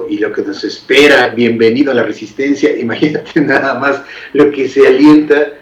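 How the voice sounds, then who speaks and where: A man's voice: mid-range voice, lo-fi sound. Distant, roomy-sounding man hosting a talk show. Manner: conversational, quick to agree and chuckle.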